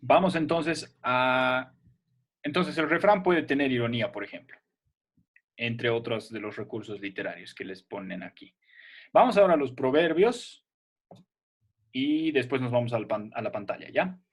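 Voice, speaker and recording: A man's voice: medium pitch, normal speed. Guy teaching kids over a video call, patient, keeps asking if they get it, normal mid voice. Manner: patient, explaining step by step with frequent "¿ya?" checks. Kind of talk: online class for children.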